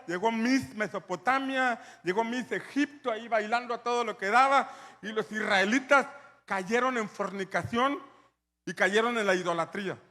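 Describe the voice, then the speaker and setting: A man preaching a sermon as pastor, telling the story with animated energy and building to shouts. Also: extremely high pitch, long reverb tail.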